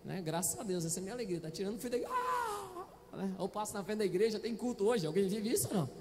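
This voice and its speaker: Brazilian pastor guy, really high voice, joking around w the church, handheld mic, big reverby hall. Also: animated, very fast, noisy background. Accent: Brazilian Portuguese. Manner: chatty, playful preaching with frequent audience questions. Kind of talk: Sunday sermon. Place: church auditorium. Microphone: handheld microphone.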